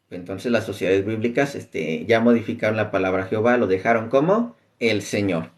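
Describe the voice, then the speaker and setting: A man teaching an informal class on the Bible, talking loosely and often pausing on "este". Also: lowish voice, a little mellow. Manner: conversational, many fillers like "este".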